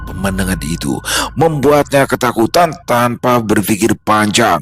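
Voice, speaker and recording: A man tells a horror story in a low voice that rises and falls with lively intonation. His delivery is slow and somber, with music playing clearly behind him. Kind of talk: scripted horror narration. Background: background music.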